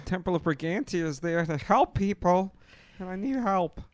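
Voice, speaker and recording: A man's voice: high-pitched, lively intonation, normal speed, pitched above the performer's own voice. A man voicing a wounded male stranger who begs at a temple door for healing, stammering and pleading. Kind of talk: voicing a character in a tabletop game.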